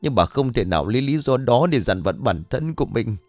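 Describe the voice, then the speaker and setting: A man voicing a weary older father in a spoken ghost story, gruff and scolding. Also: medium pitch, sing-song, a little fast, no room sound, faint music behind. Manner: gruff and scolding, tired sighs. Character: weary older father holding the family together.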